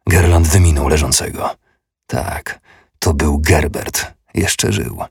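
A man narrating an audiobook in a steady, measured way. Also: rumbling low, creaky, husky, no echo, clean studio sound.

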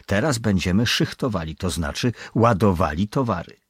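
A man's voice: deep voice, expressive, normal speed, breathy edge, no echo, studio quality. A man voicing a stern ship's captain who gives curt, commanding orders.

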